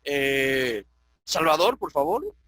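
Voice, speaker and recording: A man's voice: fairly high pitch, sing-song, slow pace, a bit bright, low-quality recording. A man from the Dominican Republic teaching an online Koine Greek class, explaining patiently and often checking in with his students. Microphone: computer mic on an online call.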